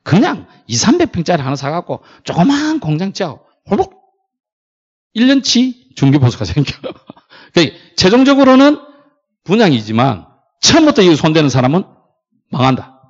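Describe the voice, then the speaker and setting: A man's voice: high voice, moderate pace, husky. A middle-aged man lecturing on factory brokerage, telling stories and acting out quoted lines. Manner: animated storytelling, acts out quoted dialogue. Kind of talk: classroom lecture with anecdotes. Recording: dull lo-fi lecture recording.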